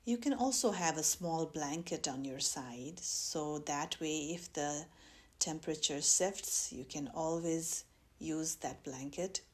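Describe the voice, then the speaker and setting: Speaking in measured phrases separated by long pauses, a woman with a slightly low voice guides a meditation very slowly and gently. She comes across as a mindfulness teacher offering careful instructions.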